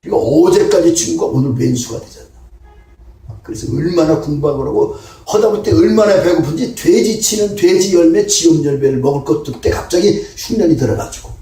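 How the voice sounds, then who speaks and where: Pastor guy preaching folksy, kinda high voice, mellow tone, big echoey hall. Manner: folksy, colloquial preaching, acting out quoted voices. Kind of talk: sermon. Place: church sanctuary. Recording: echoey church hall, mic at a distance.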